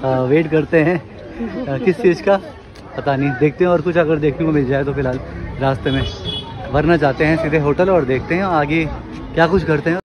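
A man's voice: a little high, fairly quick. A man in his thirties, chatting cheerfully to his viewers while walking through a busy tourist spot outdoors, filming on a phone held at arm's length. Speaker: family vlogger. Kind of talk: casual travel vlog narration. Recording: loud crowd and noise around.

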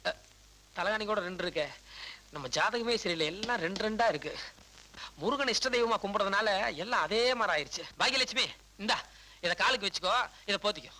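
An actor playing a glib, fussy loan officer and husband in a film comedy-drama, talkative and pleading, dropping in English words. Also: male voice, high voice, expressive, a little fast, pauses often, sharp tone, slight background noise, rough recording. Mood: coaxing, self-justifying.

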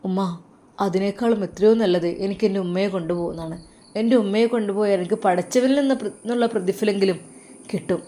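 A woman voicing a troubled young male religious scholar who deeply loves his mother, speaking softly and sorrowfully. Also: fast talker, a little hiss or hum, natural voice. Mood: tender. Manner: soft, sorrowful, heartfelt.

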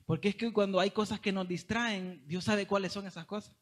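A young man from El Salvador, preaching with a Salvadoran Spanish accent, tells his testimony in an animated way and keeps calling his listeners brother. His voice sits high and his pace is brisk.

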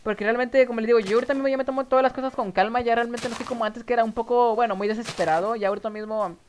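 A young man with a northern Mexican accent chats casually with viewers while streaming a game, rambling with nervous giggles. His voice is very high and steady in tone, and he talks at a racing pace over slight background noise.

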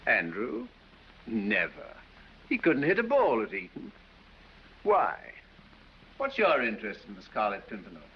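A drawling English fop. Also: male voice, lowish voice, wildly swooping pitch, measured pace, pauses often, slightly rough, full character voice. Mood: probing. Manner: drawling, silly, laughs at his own jokes. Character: foppish English aristocrat, affected and idle. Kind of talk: 1930s film acting. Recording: dull 1930s film soundtrack with faint hiss.

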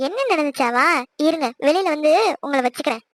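A woman's voice: high voice, animated, fairly quick, no echo. A young woman voicing a playful, scolding young wife in a cartoon. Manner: chiding, teasing. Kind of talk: cartoon voice acting.

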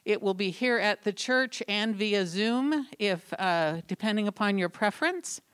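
Calm older woman leading worship. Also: medium pitch, a little slow, clean tone. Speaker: worship leader. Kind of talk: church announcements and prayer. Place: church sanctuary, indoors. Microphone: handheld mic at a lectern.

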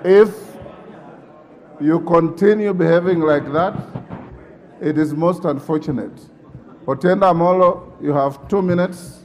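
Chairing a rowdy session in a large parliament chamber, the middle-aged speaker sternly lectures members and calls for order amid their shouting. His slightly high voice is unhurried, with long pauses.

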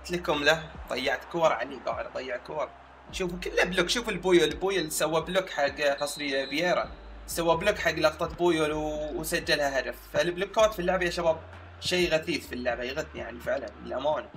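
A young man giving excitable live commentary on his own football video game match, shouting at his players. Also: on the high side, racing, faint music behind. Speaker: gaming streamer.

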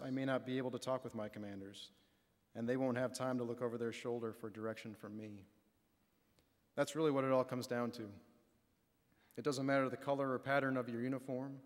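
A middle-aged man giving an earnest, measured prepared speech as a military panelist at a podium. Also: medium pitch. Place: large conference hall stage. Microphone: podium microphones. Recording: reverberant hall.

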